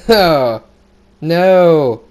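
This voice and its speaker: A young man giving excitable, casual commentary as he plays a game, talking to himself and his viewers. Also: fairly high pitch, extremely slow. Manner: excitable, talks to himself and viewers, shouts when he falls. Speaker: gaming video host.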